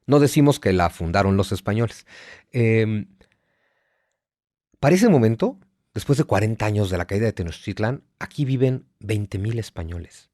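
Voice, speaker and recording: A man's voice: on the low side, animated, normal speed, darkish tone, no echo, clean studio sound. A man in his forties with a Mexico City accent, speaking as an interview guest, emphatic and lecturing, stacking lists and rhetorical questions. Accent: Mexico City Spanish. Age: 40s. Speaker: guest writer. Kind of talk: conversational interview.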